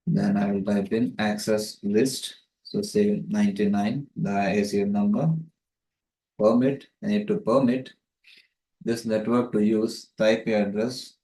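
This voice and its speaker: A networking tutor narrates a step-by-step tutorial in a lowish, mellow voice, explaining things methodically. He's recorded on a distant microphone, giving the sound a roomy echo.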